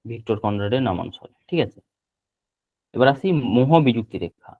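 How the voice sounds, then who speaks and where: A man teaching a geography class online, repeating key terms slowly so students can write them down. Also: fairly low pitch. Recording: tinny phone-like line.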